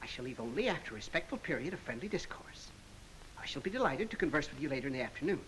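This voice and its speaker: A man's voice: mid-range voice, very animated, rapid-fire, fairly bright tone, rough recording. An actor playing an earnest, courteous young man with formal, flowery phrasing in a 1930s comedy film. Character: earnest, courteous young man raised among missionaries in China. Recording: hissy 1930s film soundtrack.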